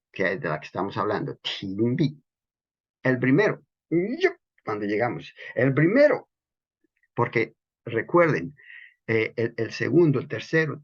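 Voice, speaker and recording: A man explains breathing technique as a qigong instructor, with a husky, slightly breathy voice. He talks in an unhurried way and carefully repeats the key terms. The recording sounds dull and lo-fi. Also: medium pitch.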